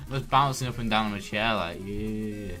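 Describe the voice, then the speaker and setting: A man with a tendency toward monotone, casually commentating a cooking game and counting orders aloud under his breath. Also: mid-range voice, fast talker. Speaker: let's play host. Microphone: desk microphone at full volume. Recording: game music loud under voice. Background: game music.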